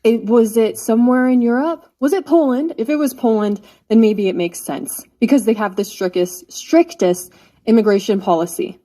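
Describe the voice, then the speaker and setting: A blunt, scornful woman from the United States delivers opinionated commentary. Her voice sits a little high but has a mellow, dark tone. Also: normal speed. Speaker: commentary host.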